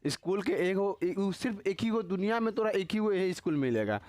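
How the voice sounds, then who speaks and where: A man's voice: sits high, expressive, a little fast, a little mellow. A man teaching a casual grammar class, teasing and quizzing his students with constant tag questions.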